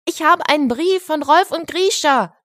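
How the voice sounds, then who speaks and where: A high, lively young boy bursts with eagerness and likes to take charge, as a woman reading aloud puts him on. His voice sits well above an adult's and carries loudly. The recording is close and dry, with no room sound. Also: normal speed, dry recording. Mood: excited. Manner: high, bright child's voice.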